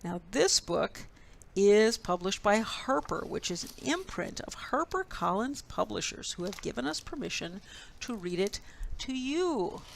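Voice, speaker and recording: A female children's librarian leads storytime for small kids with rhymes, songs and read-aloud books, speaking in a medium-pitched voice at an unhurried pace with a creaky edge. Her phrasing is simple and instructive, giving clear directions and dramatic storybook delivery, while steady noise runs in the background.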